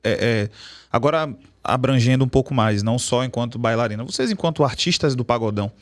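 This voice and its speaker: A man hosts a podcast interview and talks in a relaxed, casual way, with a few hesitations as he lines up his questions. His voice sits at a mid pitch for a man. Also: fairly quick. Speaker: podcast host.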